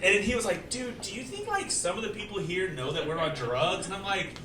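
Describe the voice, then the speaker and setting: A young man from Houston performing a stand-up comedy set, rambling loosely and acting out dialogue with big jumps in loudness. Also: sits high, lively intonation, fairly quick. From Houston, Texas. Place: comedy club stage with live audience. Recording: roomy club sound, mic heard from a distance, crowd laughter.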